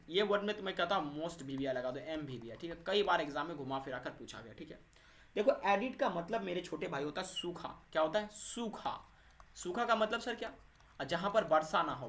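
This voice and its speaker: A man with a fairly high, fairly bright voice delivers an exam-prep English vocabulary lesson. He fields his own questions and, after every point, checks in with viewers using "thik hai" and "doston."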